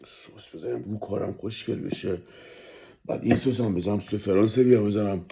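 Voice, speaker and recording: A man's voice: on the low side, vocal fry, mellow, slightly rough. A man vlogging about his food in a casual, hyped-up way, talking straight to the viewers and sometimes dropping to a whisper. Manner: hyped and playful, drops to whispers over the food.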